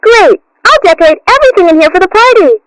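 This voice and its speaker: A woman's voice: very high voice, expressive, fast talker, no echo, rough recording. A woman voicing a cheerful, childish clown kitten in a cartoon, like a bubbly children's-show presenter. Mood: friendly, earnest. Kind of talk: cartoon character acting.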